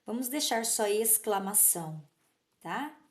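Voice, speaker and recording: A woman's voice: medium pitch, lively intonation, a little slow. A woman teacher explains a literacy lesson patiently and keeps checking whether her pupils understand.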